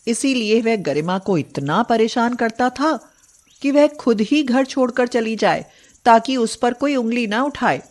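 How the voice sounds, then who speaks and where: A woman's voice: a little high, expressive, unhurried. A woman narrator reading a scripted moral story.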